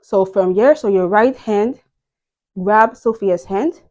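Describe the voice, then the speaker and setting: A woman's voice: mid-range voice, slow, darkish tone. A young woman teaching a dance step by step, counting the beats aloud in a sing-song rhythm. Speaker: dance instructor.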